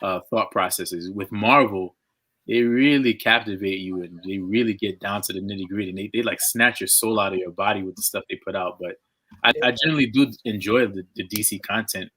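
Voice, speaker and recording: A man chatting excitedly with fellow artists on a live video call, gushing and laughing as he talks. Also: fairly low pitch, a little fast, husky. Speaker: diorama artist on a live panel. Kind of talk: casual chat.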